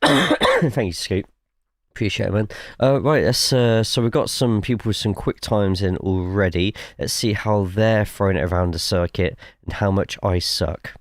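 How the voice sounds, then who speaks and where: A man talks his way through a live sim racing stream in a casual, chatty manner, swearing freely and answering chat. His voice sits fairly low, and he is still fighting off a cough. The sound is dry and close, with no room around it. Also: animated, normal speed, no room sound. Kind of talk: live gameplay commentary.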